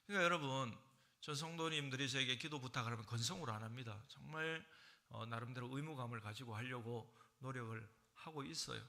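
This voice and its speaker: Man, Gyeongsang accent, middle-aged, preaching in a church, very bright tone, mid pitch, conversational with loud acted-out bursts. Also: fairly quick, vocal fry. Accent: Gyeongsang Korean. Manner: conversational storytelling, acting out quoted voices with sudden loud high bursts. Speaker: senior pastor. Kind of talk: sermon. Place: church sanctuary.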